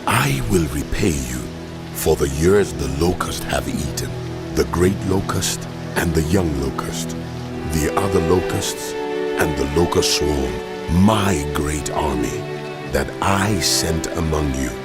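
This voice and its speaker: God in an audio bible drama, super deep solemn voice, slow, loud music behind. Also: male voice, expressive, exaggerated voice. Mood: solemn promise. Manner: solemn, weighty, deliberate. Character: God, a mighty, commanding male deity. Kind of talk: dramatized scripture reading.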